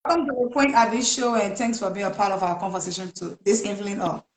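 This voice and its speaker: A woman from Liberia, hosting a casual talk show in a polite, measured manner. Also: medium pitch, lively intonation, crowd noise. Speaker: host. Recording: echoey, roomy sound.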